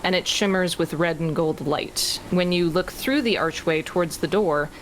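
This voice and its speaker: Low-voiced woman describing a video game. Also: moderate pace, a little hiss or hum, rough recording. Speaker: audio describer on a game stream. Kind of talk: live descriptive commentary of a game. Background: video game music.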